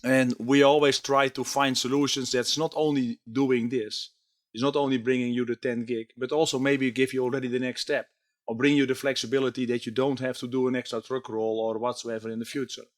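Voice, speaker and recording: Male tech executive, middle pitch, strained voice, earnest, lots of uh fillers. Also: little pitch movement, a little fast. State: strained voice from talking all day. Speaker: company technology chief. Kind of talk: conversational interview. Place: trade show floor.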